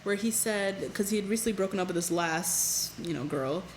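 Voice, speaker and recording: A woman's voice: mid-range voice, brisk, slight background noise, poor audio. Chatty laughing woman podcast host. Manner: chatty, laughs often, lots of fillers. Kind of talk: casual chat recapping a reality show.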